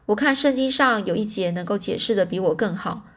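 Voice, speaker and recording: A woman reading as a gentle old grandfather. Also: brisk, close to an everyday voice. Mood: moved. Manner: low, soft speech.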